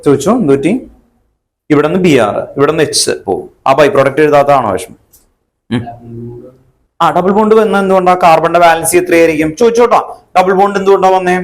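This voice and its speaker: A man teaching a chemistry lesson. He asks his students questions and then answers them himself, and he spells terms out slowly. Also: on the high side. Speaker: chemistry tutor. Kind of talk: online exam-prep lesson.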